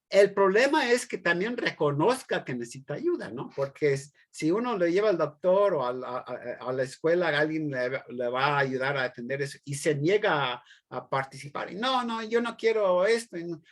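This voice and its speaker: A teacher lecturing a class, talking hesitantly with many fillers, restarts and tag questions, and explaining through everyday examples. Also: mid-range voice.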